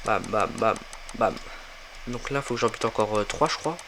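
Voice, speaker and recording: A man's voice: lowish voice, normal speed, background noise. A young man giving a casual game walkthrough, thinking aloud with lots of fillers as he plays. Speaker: gaming tutorial creator.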